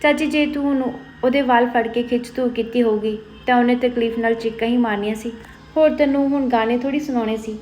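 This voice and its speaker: A woman voicing a caring, practical young village woman who reasons with and gently scolds an older aunt. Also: a little high, fairly even intonation, a little fast, close to an everyday voice. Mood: reasoning.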